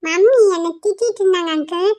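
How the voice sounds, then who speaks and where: A woman's voice: very high-pitched, fast talker, a little mellow, no echo. A woman doing a stubborn giggly little boy. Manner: giggling, whiny.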